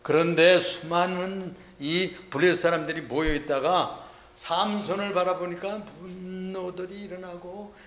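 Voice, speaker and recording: A middle-aged pastor preaches a Sunday sermon in a fairly high voice. He tells the story in a lively way and gives the quoted shouts real force. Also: unhurried.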